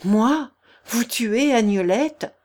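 A woman's voice: medium pitch, normal speed, darkish tone, close to an everyday voice. A woman reading aloud and voicing a tormented young man who leads wolves, speaking in intense, anguished outbursts. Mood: anguished passion. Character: male wolf-leader, tormented, passionate young man.

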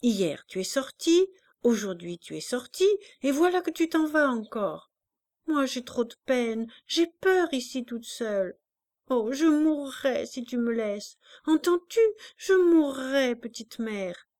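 A woman's voice: lively intonation, slow pace, a little mellow, no room sound, clean studio sound, full character voice. A woman doing a tearful pleading little girl. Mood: sobbing. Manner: begging, sobbing, raised high voice.

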